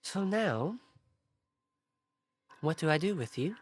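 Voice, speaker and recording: A man playing a calm, weary Jedi woman. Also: on the high side, slightly rough, pitched above the performer's own voice, exaggerated voice. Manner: slow, measured, thoughtful hums.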